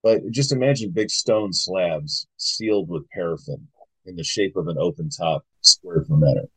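A man hosting a podcast, telling rambling, animated anecdotes in a casual chat with many fillers. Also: sits low, moderate pace, breathy edge, no room sound, rough recording. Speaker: podcast host. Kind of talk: casual conversational storytelling.

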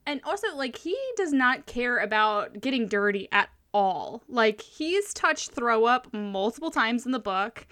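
A woman's voice: fairly high pitch, animated, measured pace, hardly any pauses, bright, forceful tone. A woman co-hosting a podcast, chatting casually and gushing enthusiastically about books she loves. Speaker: podcast co-host. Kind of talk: casual book chat.

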